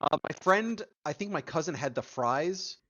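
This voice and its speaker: A man's voice: a little high, animated, normal speed, muffled recording, a crowd in the background. A man on a pop culture podcast, chiming in eagerly during casual chat. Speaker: podcast co-host.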